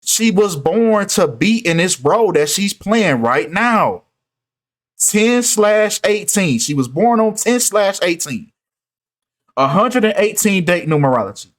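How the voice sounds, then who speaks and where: A man talking in an animated, insistent way in a casual commentary video, often repeating "right?" and "come on, man". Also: high-pitched, a little slow.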